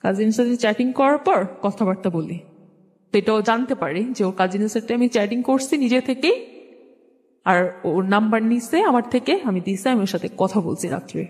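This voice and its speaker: On the high side and fairly quick, this young adult woman's voice has a slightly mellow quality. She's a guest recounting her life in a casual, conversational way with a Bangladeshi accent, frequently quoting back-and-forths, all captured with a hall-like echo.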